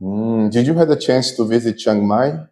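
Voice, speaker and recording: Mellow-voiced male interview host. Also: mid-range voice, normal speed. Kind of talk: casual interview hosting.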